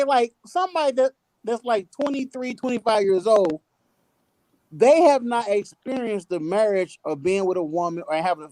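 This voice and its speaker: A man's voice: very high-pitched, a little mellow, no room sound, poor audio. A man in his late forties speaking as a guest on a casual panel chat, plain-spoken and reflective, drawing his words out. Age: 40s.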